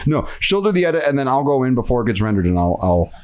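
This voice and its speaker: A man's voice: medium pitch, sing-song, quick pace, noisy background. A man hosting a podcast, talking in casual chat and ranting with exasperated energy. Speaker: podcast host.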